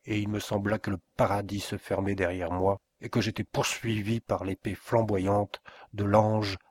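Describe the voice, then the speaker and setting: A man reading a classic novel aloud as an audiobook, in a measured, literary reading. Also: on the low side, level tone, darkish tone, no echo. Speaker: audiobook reader. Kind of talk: scripted narration of a classic novel.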